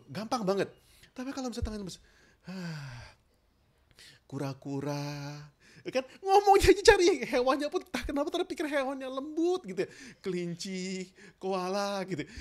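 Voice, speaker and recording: Animated self-help trainer coaxing viewers. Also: high-pitched, fast talker. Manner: animated, demonstrates tense versus relaxed speech; addresses the listener directly, coaxing. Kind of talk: instructional talk to viewers.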